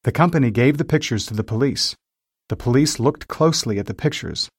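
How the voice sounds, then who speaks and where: A man reads a simple story aloud in a plain, evenly paced manner. His voice sits at an ordinary middle pitch, and the studio sound is dry and close. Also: expressive, brisk, breathy edge, dry recording. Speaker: narrator. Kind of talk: slow, clear scripted reading of an easy-English story.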